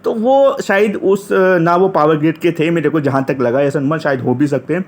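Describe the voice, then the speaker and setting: A man's voice: fairly high pitch, steady tone, fast. A young man from Uttar Pradesh, chatty, recounting his job interview and retelling the dialogue with frequent restarts. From Uttar Pradesh, India. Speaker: interview candidate recounting experience. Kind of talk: casual storytelling.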